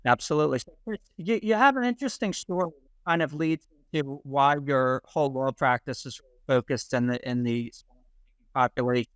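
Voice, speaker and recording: A man hosting a video podcast, reading a scripted intro and then asking questions with some halting repeats. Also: mid-range voice, fairly bright tone, clear, resonant tone, no room sound. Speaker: podcast host, interviewer.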